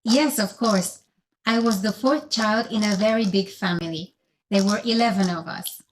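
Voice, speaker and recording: A woman's voice: medium pitch, moderate pace, a little hiss or hum, close to an everyday voice, low-quality recording. An actress playing an interviewed female orphanage founder in a scripted course-audio recording, reading her answers evenly and carefully. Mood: calm.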